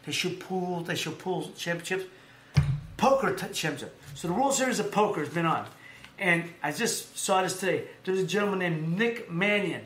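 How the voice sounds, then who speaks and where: A man hosting a casual sports chat, telling stories in a rambling, animated way with lots of fillers. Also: high voice, moderate pace, reverberant, a little hiss or hum. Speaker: podcast host.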